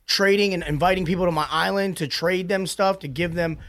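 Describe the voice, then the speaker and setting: A slightly high-voiced man co-hosting a podcast, telling stories with animated energy and frequent laughs. The sound is dry and close, with no room around him. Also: a little fast, dry recording. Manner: animated storyteller, laughs often. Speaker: podcast co-host. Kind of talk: casual chat.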